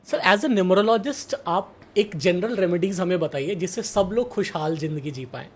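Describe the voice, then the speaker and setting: A man's voice: sits high, moderate pace, husky. A male interviewer who listens with short affirmations, sums up his guest's points and asks follow-up questions. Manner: brief affirming interjections and summarizing follow-ups. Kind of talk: podcast interview.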